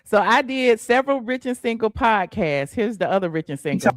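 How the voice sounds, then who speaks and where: A woman's voice: a little high, animated, fairly quick, no echo. A woman with an Atlanta accent hosting a casual live stream, sassy and chatty, full of fillers and asides. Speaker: host.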